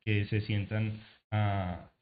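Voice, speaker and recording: A man's voice: on the low side, flat delivery, very slow, phone-quality sound. A man hosting a casual chat, easygoing and encouraging toward listeners.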